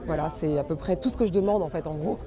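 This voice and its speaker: A woman's voice: low-pitched, fast talker. A woman, an actress and new screenwriter, speaking earnestly in a festival interview. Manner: earnest, with light laughs. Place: outdoors at a busy festival. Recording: crowd noise outdoors.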